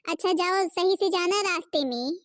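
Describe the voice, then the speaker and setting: A dutiful young cartoon daughter-in-law, with a very high, bright, sped-up tone. She is earnest and reassuring, always fussing over the family. The recording is close and dry. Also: moderate pace, no echo, distant mic. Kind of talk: Hindi cartoon voice acting.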